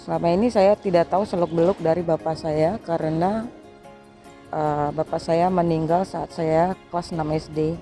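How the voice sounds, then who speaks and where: A woman's voice: sits low, steady tone, moderate pace, warm tone, soft background music. A woman from Indonesia, vlogging outdoors in a city square and filming herself with a handheld phone, hesitant, with many fillers. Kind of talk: casual vlog narration. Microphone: phone held by hand, no tripod.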